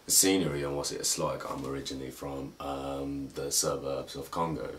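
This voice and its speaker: Super deep guy, deadpan and halting, kinda far off with faint hiss. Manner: deadpan, hesitant, joking. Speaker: cast member. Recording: distant mic with faint noise.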